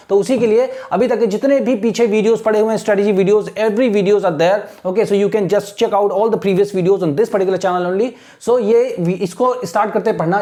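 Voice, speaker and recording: A man teaching English online to exam aspirants, explaining earnestly, often checking "right?" and reading English sentences slowly for students to repeat. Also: high-pitched, darkish tone. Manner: keeps asking "right?", repeats English phrases slowly for imitation.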